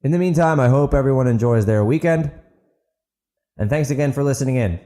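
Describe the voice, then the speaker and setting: Fairly quick and warm at a medium pitch, the man reads his fiction aloud and closes out his podcast. As author, host and narrator, he speaks to listeners in a dramatic storytelling style.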